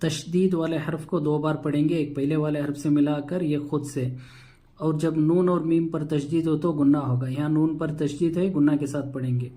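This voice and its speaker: A man teaching Quranic reading, spelling syllables out slowly and then explaining each rule in quicker plain speech. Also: a little high, steady tone, dark tone.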